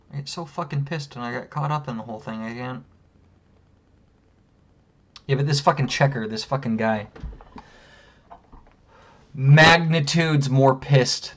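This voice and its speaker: Vlogger, male, profane heated rant, mid pitch, dull lo-fi sound. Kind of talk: casual rant to camera. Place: room at home.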